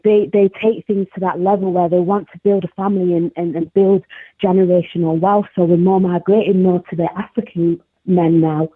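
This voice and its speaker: Her voice sits on the low side, level and brisk with a breathy edge, and the phone line sounds tinny. She's a South Yorkshire woman from England phoning a live talk show for a casual chat, laughing frequently.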